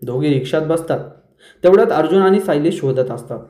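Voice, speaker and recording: A man hosting a serial review, retelling the episode scene by scene in a brisk storytelling manner. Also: on the high side, animated, warm tone. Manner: brisk storyteller who briefly lifts his voice for quoted lines. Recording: roomy echo.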